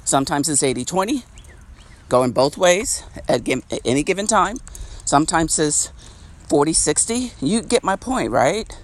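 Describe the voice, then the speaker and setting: A man's voice: on the high side, expressive, normal speed. A man hosting an unedited podcast outdoors, talking reflectively and repeating phrases, laughing now and then. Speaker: podcast host. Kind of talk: casual unedited podcast monologue. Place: outdoors by a street. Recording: faint outdoor street noise. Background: traffic and street noise.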